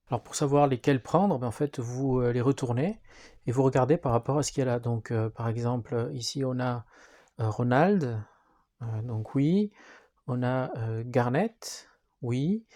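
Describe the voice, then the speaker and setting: Gravelly man explaining a board game. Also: medium pitch, dark tone. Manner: hesitant, frequent fillers while handling pieces. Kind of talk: wargame rules walkthrough.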